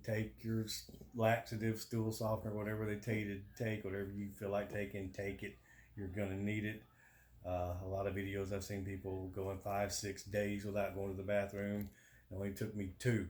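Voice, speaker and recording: Slightly mellow and on the low side, this man's voice carries a plain, matter-of-fact surgery recovery update, chatted casually to camera for his personal vlog. He records indoors at home, where the sound is roomy with echo and faint noise.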